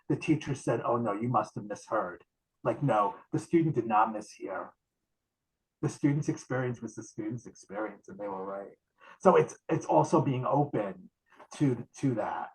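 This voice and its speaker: A man's voice: mid-range voice, normal speed, a little mellow, rough recording. Man telling stories with many restarts. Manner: storytelling with frequent restarts and quoted dialogue. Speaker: nurse educator. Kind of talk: conversational talk on a video call.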